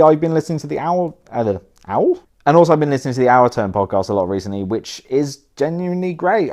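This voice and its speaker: A man's voice: mid-range voice, a little mellow. A young man giving a casual thank-you message to viewers indoors by a fire, self-deprecating, with dry asides that trail off into mumbles. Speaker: board game reviewer.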